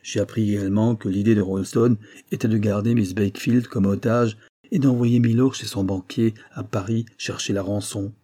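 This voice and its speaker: A man's voice: fairly low pitch, steady tone, normal speed, dark tone, lightly acted. A man reading a male servant who gives a plain, detailed account of events in an audiobook. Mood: grave.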